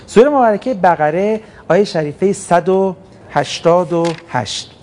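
A man's voice: sits high, lively intonation, a little mellow, a little hiss or hum. A man preaching a sermon, emphatic, asking rhetorical questions and answering them himself. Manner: storytelling preacher who acts out short quotes. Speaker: cleric preacher.

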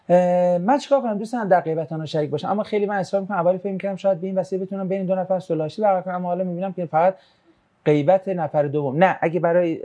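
A religious class teacher in a relaxed, conversational lesson. The teacher reads student questions aloud, answers them with jokes, and retells a religious tradition as a story. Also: medium pitch, muffled recording. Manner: shifts into storytelling when recounting a religious tradition.

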